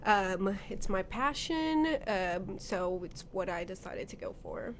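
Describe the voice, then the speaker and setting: A woman's voice: medium pitch, animated, slow pace, a little hiss or hum. A woman from Brazil, a guest on a podcast, telling her story in a chatty way with lots of "um" and "you know". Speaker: podcast guest, makeup artist. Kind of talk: casual chat.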